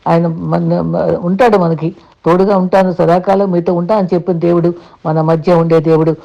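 Woman, devotional sermon, earnest preacher, gravelly low-bright tone, dull lo-fi recording. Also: flat delivery, normal speed. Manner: earnest, repeats and restarts words, addresses listeners politely.

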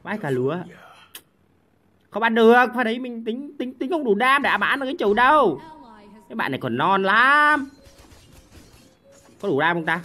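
A young man giving excited gameplay commentary, repeating words in rapid bursts and grumbling at his teammates. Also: extremely high pitch. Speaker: gaming streamer.

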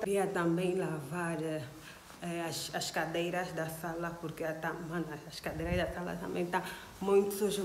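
A woman's voice: fairly low pitch, a little mellow, a little hiss or hum. A young woman, chatting to her viewers from her apartment and balcony, tired after cleaning. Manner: chatty, addresses viewers as sisters. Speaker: vlogger. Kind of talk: casual chat to camera. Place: apartment and plant-filled balcony. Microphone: phone at arm's length.

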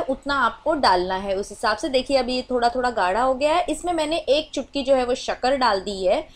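A woman explaining a recipe step by step in a voice-over cooking tutorial, with many small filler phrases. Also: high voice. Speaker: cooking channel host.

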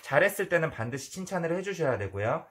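A male dog trainer calmly explaining grooming to an owner, with firm, drawn-out soothing praise for the dog. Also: on the high side. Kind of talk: hands-on training demonstration.

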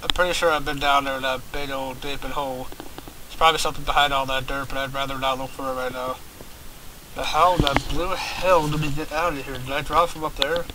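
A man's voice: mid-range voice, little pitch movement, brisk, background noise. A man giving rambling, casual gameplay commentary, swearing often and talking straight to his viewers. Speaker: let's play host.

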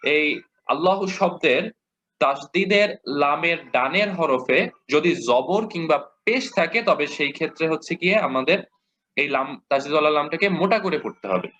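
A man with a Bangladeshi Bengali accent teaching a lesson, patiently repeating examples and modeling slow recitation. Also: fairly high pitch, animated, sharp tone. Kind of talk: explanatory lesson. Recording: dull lo-fi audio.

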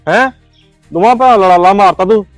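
An actor with a Punjabi accent playing an angry young son who fires rapid accusing retorts at his mother. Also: sits high, no echo, soft background music, lightly acted. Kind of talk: village family web drama.

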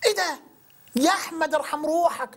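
A man's voice: very high voice, fairly quick. A man with an Egyptian accent hosting a call-in show, arguing hard and talking over his caller with repeated appeals. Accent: Egyptian Arabic. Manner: insistent, keeps cutting in and repeating himself. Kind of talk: heated phone-in debate.

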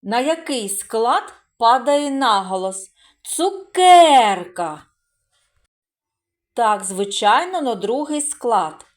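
A woman teaching a remote literacy lesson to young children, sounding out syllables slowly and praising them as they go. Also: fairly high pitch, expressive. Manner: slow, drawn-out sounding out of syllables; praising and encouraging. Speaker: preschool teacher.

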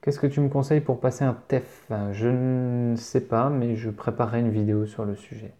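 A man's voice: medium pitch, little pitch movement, normal speed, warm tone. A man teaching French, reading out viewer questions and answering them casually, spelling words out letter by letter. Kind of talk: casual live Q&A.

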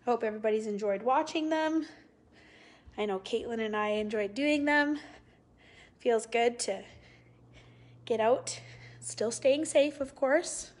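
Lady agent walking thru a house on her phone, takes her time, kinda high voice. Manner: upbeat, admiring, slow and deliberate. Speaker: real estate agent. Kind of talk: live virtual house tour. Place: large house indoors, walking room to room. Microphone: phone held at arm's length.

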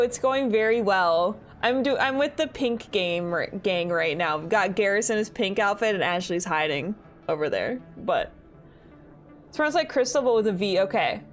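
Brief: giggly young woman live-streaming, high, bouncy voice, headset mic. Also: fairly bright tone. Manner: giggly, bubbly, self-deprecating. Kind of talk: casual live-stream chat while gaming. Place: home apartment.

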